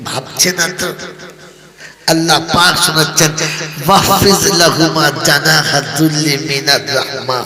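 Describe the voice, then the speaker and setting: A male preacher with a Bengali accent and a fairly high voice tells a sermon story. He moves from hushed narration to fervent, soaring appeals. His voice rings with long echo over a listening crowd. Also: steady tone, measured pace. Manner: soft storytelling that rises into impassioned high-pitched appeals. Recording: echoey open-air loudspeaker sound with crowd.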